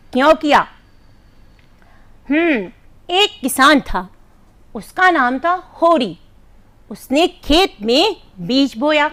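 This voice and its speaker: A woman teacher telling a story to young children in a gentle, coaxing manner, often asking them questions. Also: sits high. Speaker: primary school teacher.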